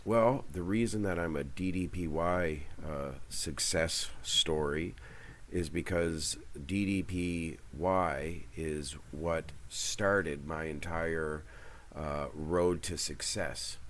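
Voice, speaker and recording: This bass-voiced man, late thirties and from Canada's Maritime provinces, talks slowly through a headset as a remote interview guest. His answers ramble, full of hesitant ums, and a little hiss or hum sits under the audio.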